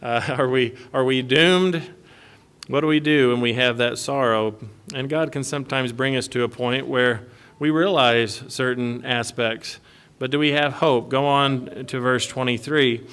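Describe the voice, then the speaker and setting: A man's voice: medium pitch, steady tone, measured pace, fairly bright tone, clean tone. A man giving a conversational, folksy sermon, reading scripture aloud and chuckling between points. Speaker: preacher.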